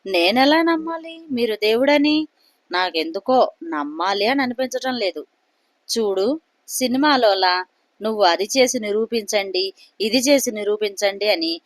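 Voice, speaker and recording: A woman's voice: medium pitch, lively intonation, unhurried, no room sound, lightly acted. Woman doing a flustered, suspicious young man. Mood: doubtful. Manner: indignant, panicky.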